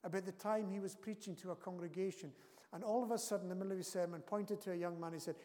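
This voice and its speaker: Emphatic preacher in a reverberant church. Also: male voice, sits high, steady tone, quick pace, dark tone. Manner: earnest, emphatic preaching with rising and falling intensity. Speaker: pastor. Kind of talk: sermon. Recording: long reverb of a church hall.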